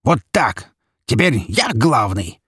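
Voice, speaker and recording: A man voicing a dim, cruel teenage boy whose shrill voice cracks into falsetto in a spoken story. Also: lively intonation, moderate pace, breathy edge, no room sound, studio quality. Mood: gloating.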